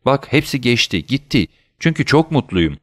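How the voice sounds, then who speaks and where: A man reading aloud as a frail, poor old father, soft and reassuring to his son. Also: deep voice, fast, clear, resonant tone, no room sound, studio quality, close to an everyday voice. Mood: gentle.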